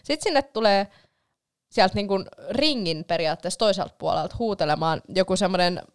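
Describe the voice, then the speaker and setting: A woman's voice: mid-range voice, animated, smooth. A young woman telling a long story in a casual chat, rambling with lots of fillers and the odd swear.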